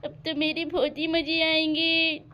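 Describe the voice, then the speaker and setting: A woman's voice: extremely high pitch, monotone, a little slow, bright, forceful tone, full character voice. A woman voicing a stubborn, sulky young girl in a doll-house cartoon story, with a whiny tone. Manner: whiny, petulant.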